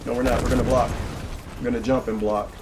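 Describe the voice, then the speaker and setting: A man giving excitable, trash-talking live commentary while streaming a game, swearing and bursting into laughter. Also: medium pitch, fast. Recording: noisy background.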